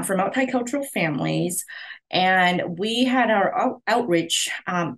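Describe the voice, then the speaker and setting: A woman in her forties from Hong Kong, a podcast guest telling her career story with earnest, steady answers and frequent pauses. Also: mid-range voice. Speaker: podcast guest, clinic owner. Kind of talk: conversational interview answers.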